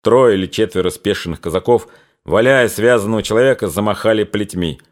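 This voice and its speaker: A man narrating a literary story in a measured, expressive audiobook reading. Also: lowish voice.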